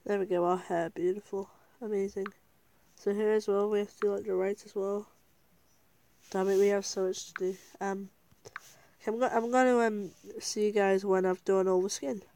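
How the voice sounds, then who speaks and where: A female gaming video creator delivers relaxed gameplay commentary, giggling often and coaching herself through each step as she talks to viewers. Her medium-pitched voice is dark, with fairly even intonation and a normal speed.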